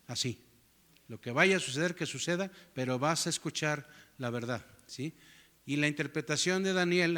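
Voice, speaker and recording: A man preaching a sermon with a bright, forceful tone and a voice that sits a little high. He keeps checking in with his congregation through rhetorical questions. The sound carries a long reverb from the church hall around him. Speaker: pastor. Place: church sanctuary.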